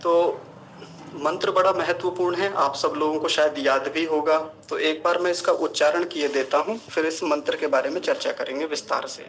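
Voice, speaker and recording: A male teacher giving a pronunciation lesson, sounding each syllable out slowly and carefully and then chanting the verse in a sung tone. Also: fairly high pitch, fairly even intonation, a bit bright, low-quality recording. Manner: slow, careful syllable-by-syllable enunciation. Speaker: Sanskrit teacher.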